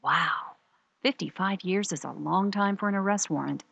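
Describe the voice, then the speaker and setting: A woman's voice: mid-range voice, normal speed, vocal fry, a bit bright, dry recording. A woman playing an earnest, questioning rookie time-travel agent in an audio drama.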